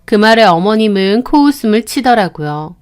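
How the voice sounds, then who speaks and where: A woman's voice: mid-range voice, expressive, normal speed, clean tone. A woman narrating a first-person family story in a firm, matter-of-fact way.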